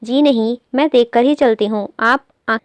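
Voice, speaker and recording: A woman reading the part of a sharp-tongued young woman who scolds and grumbles. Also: on the high side, moderate pace, clean tone, no echo, lightly acted. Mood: irritated.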